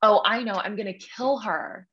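A woman mockingly voicing a distraught Roman father in a high, tearful, wailing tone. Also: moderate pace, pushed and bright, muffled recording. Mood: melodramatic. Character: distraught Roman father, grief-stricken and pleading.

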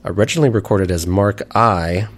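A man's voice: on the low side, lively intonation, brisk. A man co-hosting a podcast, reading out facts in casual chat with stumbles and asides. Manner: reads trivia aloud with stumbles and asides. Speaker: podcast co-host.

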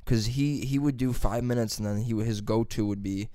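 A man, a stand-up comedian, telling a profane, animated story in casual podcast chat and acting out the quotes. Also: mid-range voice, normal speed, no room sound, clean studio sound.

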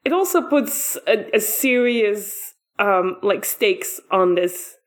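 A woman co-hosting a podcast in casual chat, adding wry, measured comments. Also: medium pitch, animated. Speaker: podcast co-host.

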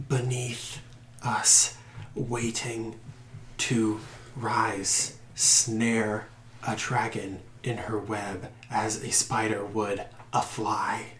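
A man voicing a weak, dazed captive cultist who speaks slowly in a faint whisper. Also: on the low side, steady tone, echoey room, a little hiss or hum, low-quality recording. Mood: eerie. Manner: slow, faint, whispered delivery.

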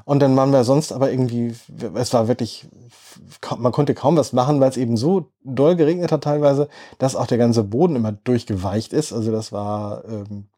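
A man's voice: medium pitch, moderate pace, mellow. A man in his forties casually telling a holiday story, rambling with many fillers and restarts. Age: 40s.

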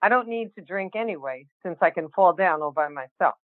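A woman's voice: fairly low pitch, expressive, brisk, no echo. A woman reading her own humorous piece over a phone-like connection. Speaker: writing group participant. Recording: thin phone-line sound.

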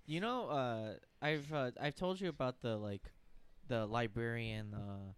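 A man's voice: medium pitch, measured pace, smooth, no room sound. A young man in casual chat with friends, rambling with many fillers and frequent laughs.

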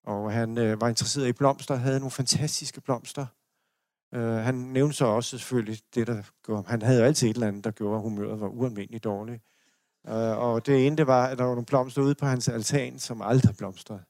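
Older Danish male lecturer, gravelly voice, meandering anecdotal delivery. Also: mid-range voice, fairly even intonation, darkish tone, no echo, clean studio sound. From Denmark. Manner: rambling anecdotal storytelling with restarts and chuckles. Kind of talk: personal storytelling lecture. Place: lecture hall.

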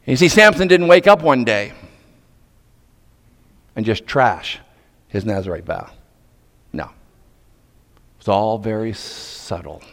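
A man from Nova Scotia preaches a sermon, dramatically moving between hushed questions and loud, emphatic points. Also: fairly low pitch, lively intonation, slow pace, long pauses. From Nova Scotia, Canada. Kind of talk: sermon to men, storytelling with pointed rhetorical questions. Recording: reverberant hall.

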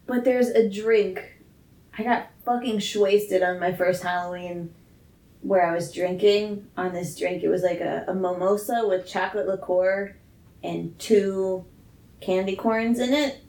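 A woman's voice: mid-range voice, fairly even intonation, measured pace, a little mellow. A woman co-hosting a podcast, chatting casually with enthusiasm and plenty of swearing. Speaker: podcast co-host. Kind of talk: casual chat. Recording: roomy echo.

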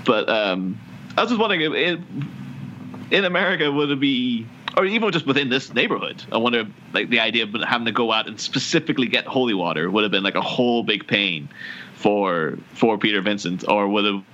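Lively bright-voiced man chatting. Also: fairly low pitch, brisk. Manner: animated, laughs often, mimics voices. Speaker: podcast co-host. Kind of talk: casual film-discussion chat. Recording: slightly muffled, faint background hum.

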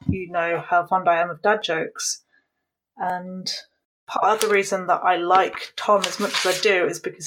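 A woman's voice: fairly low pitch, poor audio. A woman co-hosting a podcast, chatting casually and jumping around between anecdotes. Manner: digressive, rambling. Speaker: podcast co-host.

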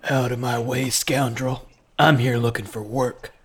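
A man voicing a gruff, taciturn lone gunslinger who speaks in short, clipped lines in a comedy radio western. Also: flat delivery, unhurried, fairly bright tone, slight background noise. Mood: curt. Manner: gruff, clipped, low-key delivery.

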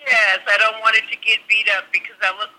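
A woman on speakerphone, bright and chatty. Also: a little high, flat delivery, fast, low-quality recording. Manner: playful, chatty. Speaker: caller, host's mother. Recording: speakerphone call with faint noise.

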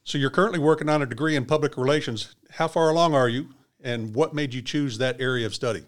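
A man from Kentucky hosting a scripted interview podcast in a measured, encouraging way. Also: medium pitch. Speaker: podcast host.

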